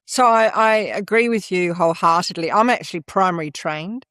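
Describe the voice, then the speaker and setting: As a guest in an interview, a retired Australian school principal, an older woman, makes her points forcefully and keeps using "absolutely" and "et cetera." Her voice is on the low side and a little bright, at a moderate pace with no echo.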